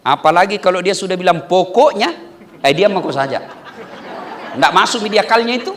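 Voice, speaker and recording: A man from Indonesia giving a humorous marriage sermon, asking and answering his own questions and swinging between loud exclamations and soft asides. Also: high voice, lively intonation, brisk, some chatter behind, a little hiss or hum. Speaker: preacher.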